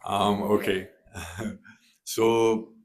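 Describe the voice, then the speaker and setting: A Kenyan man with a fairly low voice speaks as a guest on a panel. He talks in a relaxed, chatty way. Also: extremely slow, noisy background. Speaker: comic artist guest. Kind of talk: panel discussion.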